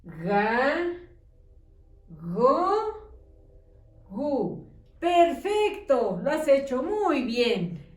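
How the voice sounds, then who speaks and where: A patient woman teacher dictates words slowly to young children, sounding them out syllable by syllable. Her fairly high voice rises and falls a lot. She is recorded from a distance in an echoey room. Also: big pitch swings. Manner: patient, slow, syllable-by-syllable dictation with check-in questions. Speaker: primary school teacher. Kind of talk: slow handwriting lesson for young children.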